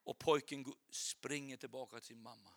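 A male preacher and Bible school teacher giving an animated sermon, telling stories and firing rhetorical questions at a church congregation. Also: medium pitch, creaky.

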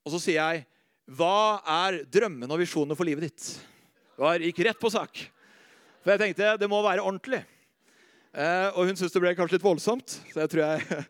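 High-voiced, lively male preacher. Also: no echo, clean studio sound. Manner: animated storytelling, laughs at himself, drops soft and slow on faith lines. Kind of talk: sermon with personal stories.

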